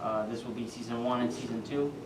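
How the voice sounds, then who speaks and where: A man's voice: medium pitch, fairly even intonation, fairly quick. A young man giving a student team presentation, hesitant, with many filler sounds and restarts, recorded far off in an echoey, noisy room.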